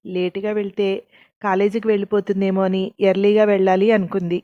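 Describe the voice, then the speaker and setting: A woman narrating a story as a storyteller, reading in a steady, even way. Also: medium pitch, fairly quick, no echo, highs cut off. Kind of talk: scripted narration.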